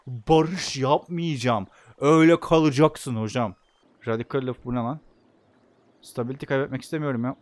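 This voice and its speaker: A man giving casual let's play commentary on a strategy game, excitable and talking back to the game. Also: on the high side, smooth, no echo. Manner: excitable, talks back to the game and swears at opponents. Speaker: video game player and commentator.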